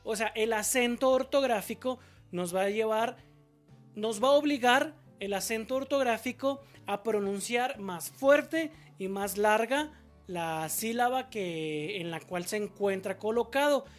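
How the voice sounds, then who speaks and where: A woman teaching a spelling lesson, her voice sitting a little high. She is patient and goes step by step, asking a question and then answering it herself. Example words come out slowly, stretched syllable by syllable, over faint music in the background.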